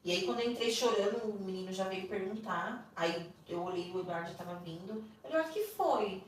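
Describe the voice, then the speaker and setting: A woman's voice: medium pitch, fairly even intonation, a little fast. A woman with a Brazilian Portuguese accent, a podcast guest telling a personal story with animation and acting out the voices of the people in it. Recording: echoey room, distant mic, faint noise.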